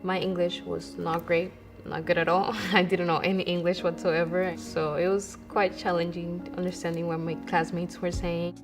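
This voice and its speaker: A young woman from Honduras speaks in a soft, reflective way, her voice a little low. Clear music plays underneath as in a tribute video. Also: little pitch movement, normal speed. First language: Spanish. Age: young adult. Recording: music bed behind voice.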